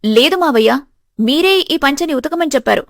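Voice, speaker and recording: Brief: wronged young bride, voiced by a woman, earnest and steady, storybook. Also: sits high, fairly quick, no echo, clean studio sound. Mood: pleading. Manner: earnest, pleading.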